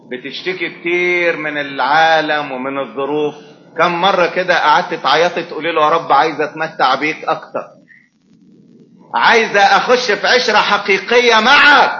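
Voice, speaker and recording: A man with an Egyptian Arabic accent preaching a sermon, swinging between hushed asides and loud, rising passages. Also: a little high, slight background noise. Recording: roomy, dull sound with faint ambience.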